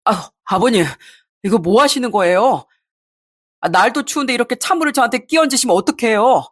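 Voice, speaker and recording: A woman's voice: on the high side, animated, a little fast, a bit bright, pitched above the performer's own voice. A woman voicing a petty, defensive middle-aged husband who talks back sulkily and dismissively. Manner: sulky and defiant, dismissive.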